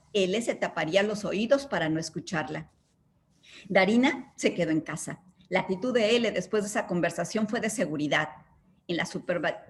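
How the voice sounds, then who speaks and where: A woman from a school team reading aloud, in a calm and measured way, her own account of a counseling case. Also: mid-range voice.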